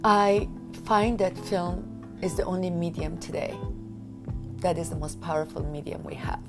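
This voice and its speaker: A woman in her fifties from Afghanistan, whose first language is Italian, appears as an interview guest; she is a film director and activist. She speaks passionately and emphatically, though her low, creaky voice shows little pitch movement and an unhurried pace. Music plays in the background.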